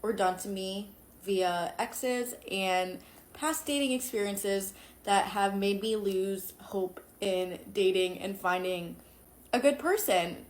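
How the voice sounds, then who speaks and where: A woman's voice: mid-range voice, takes it slowly. Twenties girl telling her dating horror list, casual vlog, kinda roomy sound. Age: 20s. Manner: candid list-style storytelling.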